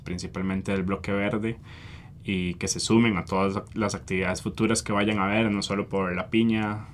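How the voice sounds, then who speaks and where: A fairly low-voiced man speaking Spanish with a Costa Rican accent, answering questions as an activist guest. He talks earnestly and keeps stopping to fill gaps with hesitant sounds. A faint rumble sits under the recording. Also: a bit bright. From Costa Rica. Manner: earnest, hesitant with frequent fillers. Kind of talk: interview answers.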